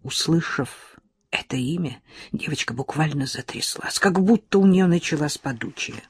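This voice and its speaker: A woman reading a first-person audiobook in an even, measured storytelling manner. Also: deep voice, slightly rough. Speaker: audiobook narrator.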